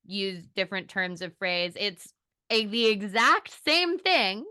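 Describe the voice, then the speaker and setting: A young woman, an actor, telling stories in an animated, casual podcast chat. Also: medium pitch, clear, resonant tone, dry recording, studio quality. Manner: animated, quick storytelling with laughs.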